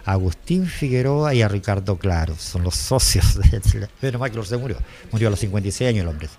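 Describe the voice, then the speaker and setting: A man's voice: lowish voice, expressive, fairly quick, a little mellow. An older man with a Chilean accent giving a rambling personal testimony, often repeating himself and quoting what others said. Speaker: interviewee, former driver.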